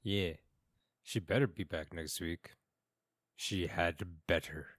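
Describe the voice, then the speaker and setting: A man co-hosting a casual podcast, laid-back and halting, often interrupting himself. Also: sits low, a bit bright, no room sound, clean studio sound. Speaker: podcast co-host. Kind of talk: casual chat.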